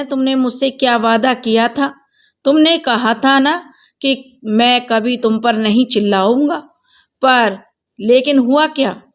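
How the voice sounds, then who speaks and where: A woman's voice: fairly high pitch, lightly acted. A woman voicing a furious young wife. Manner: shouting, bitter, cutting sarcasm. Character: angry young wife, sharp and accusing.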